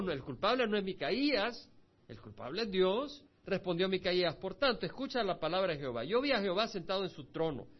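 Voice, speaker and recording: A pastor preaching an expository Bible sermon, reading scripture aloud and then explaining it with asides to his listeners. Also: high-pitched. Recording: muffled lo-fi recording.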